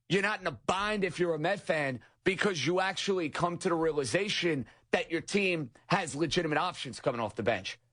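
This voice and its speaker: A young man hosting an overnight sports talk radio show, delivering an energetic, emphatic monologue. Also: a little high.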